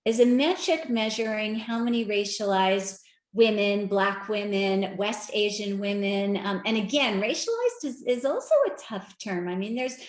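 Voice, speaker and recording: A woman gives a conference talk, speaking in an animated, conversational way and putting direct questions to her listeners. Her voice sits in a middle range, and the room around it is roomy and echoey. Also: mid-range voice, normal speed. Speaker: speaker at an equity research event. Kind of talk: conference talk presenting slides. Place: virtual event.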